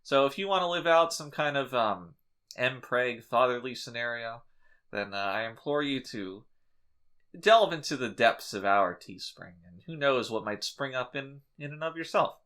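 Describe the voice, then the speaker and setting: A man's voice: medium pitch, animated, moderate pace, sharp tone, clear, resonant tone. A man hosting a podcast in casual chat, joking and irreverent and swearing freely. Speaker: podcast host.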